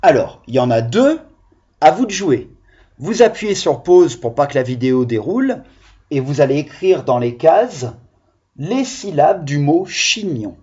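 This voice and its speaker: A man's voice: fairly high pitch, very animated, unhurried, a little mellow, muffled recording. A male primary school teacher giving a video phonics lesson to young children, patiently sounding out syllables.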